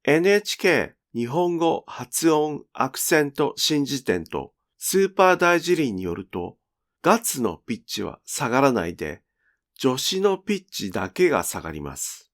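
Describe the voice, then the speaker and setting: The speaker is a man teaching Japanese sounds through scripted narration. His delivery is deliberate and clear, slow like a teacher's, with an animated pitch.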